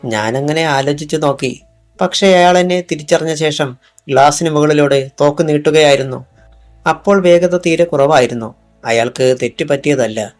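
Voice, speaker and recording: A man reading the part of a calm, brave young man wounded by a bullet, in an audiobook. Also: a little high, moderate pace, soft background music, lightly acted.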